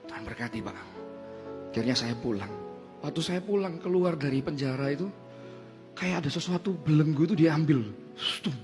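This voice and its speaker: A young man gives an emotional testimony as a worship leader, his voice sitting a little high. He drops to near whispers and then rises sharply as the story builds. Faint music plays underneath. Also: expressive, moderate pace. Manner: emotional storytelling, swings from hushed to loud. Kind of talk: testimony sermon.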